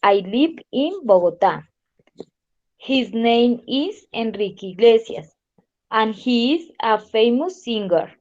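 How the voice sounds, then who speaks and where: A Colombian woman in her thirties, a native Spanish speaker, giving a careful, halting self-introduction in learner English for a class. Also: a little high, lively intonation, darkish tone, dull audio. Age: 30s. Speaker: language student. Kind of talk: slow read English class presentation.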